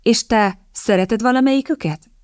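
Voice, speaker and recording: Romantic girl, earnest, wistful, higher voice, audiobook, read by a woman, dry. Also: darkish tone, clean tone, dry recording, natural voice.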